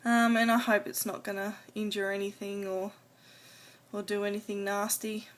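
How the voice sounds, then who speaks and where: This adult vlogger records a casual personal video diary, talking to camera in a loose, slightly hesitant ramble that trails off. Her mid-range voice is flat and moves at a moderate pace.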